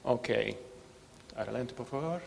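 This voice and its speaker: American man speaking halting, slow, accented Spanish. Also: mid-range voice, creaky, darkish tone. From United States, Seattle. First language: English. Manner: halting, hesitant, searching for words in a second language. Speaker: researcher presenting a clinical trial. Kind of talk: presentation talk. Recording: hollow reverberant hall, faint noise.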